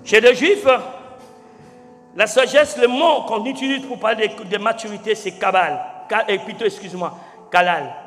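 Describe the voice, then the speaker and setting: A man preaching a sermon as pastor, emphatic and swinging between shouted lines and near-quiet ones, asking the congregation questions and spelling out words. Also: high voice, normal speed. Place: large church hall. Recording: echoey church hall with faint music.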